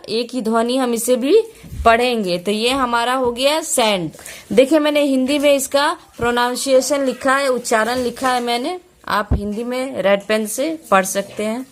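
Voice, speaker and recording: A woman teacher, patiently explaining pronunciation rules, repeating each point and spelling out letters slowly. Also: on the high side. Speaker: English teacher.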